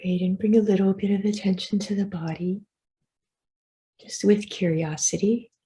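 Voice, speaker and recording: A female meditation teacher speaks in a steady, mid-range voice, guiding listeners through gentle, unhurried instructions with soft reassurance and frequent pauses. The recording quality is rough.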